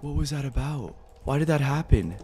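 Jumpy young man playing horror games, swinging pitch. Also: expressive, normal speed, warm tone, a little hiss or hum. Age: young adult. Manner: scared, jumpy, exclaiming and muttering to himself. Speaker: horror game streamer. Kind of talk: reactive horror game commentary. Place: small indoor room.

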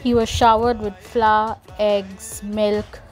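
A woman's voice: mid-range voice, little pitch movement, slow, faint music behind. Woman narrating her vlog, chatty. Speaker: vlogger. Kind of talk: casual voice-over narration.

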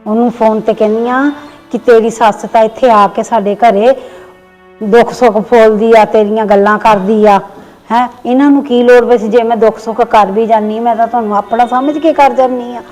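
A woman's voice: fairly high pitch, steady tone, normal speed, darkish tone, soft background music, close to an everyday voice. A woman acting as a neighbor who drops by to share gossip in a family skit. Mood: confiding. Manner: chatty, confiding gossip.

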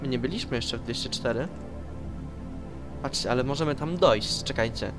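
A man giving casual, excitable commentary while playing a horror game, swearing and yelping when scared. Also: medium pitch, normal speed, music in the background. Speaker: let's play host.

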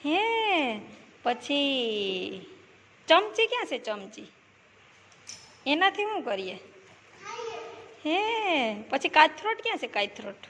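A woman teaching preschoolers, coaxing them with repeated questions and quick praise. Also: high voice, big pitch swings, fairly bright tone. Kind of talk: classroom questioning of small children. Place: village preschool classroom. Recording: noisy classroom recording.

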